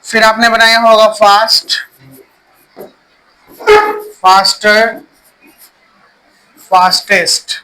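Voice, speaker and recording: A man teaching an English grammar lesson, dictating slowly and checking in with his students. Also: sits high, little pitch movement, pushed and bright, rough recording.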